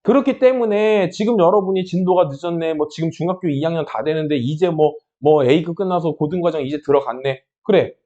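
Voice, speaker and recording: A man's voice: fairly high pitch, a little fast, hardly any pauses, warm tone, dull audio. A man teaching math who breaks into an impassioned pep talk, scolding and encouraging his students with rhetorical questions.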